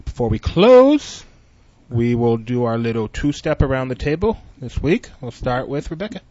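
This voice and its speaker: A man hosting a podcast, easygoing and quick to laugh in casual chat. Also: mid-range voice, lively intonation, mellow, no room sound. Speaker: podcast host. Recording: dry, dull lo-fi audio.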